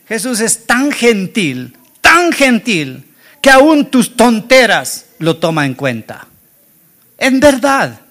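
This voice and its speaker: High-voiced, slow-spoken preaching man. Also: a bit bright. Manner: dramatic, acts out the Bible scenes; asks the congregation questions. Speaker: pastor. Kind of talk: sermon.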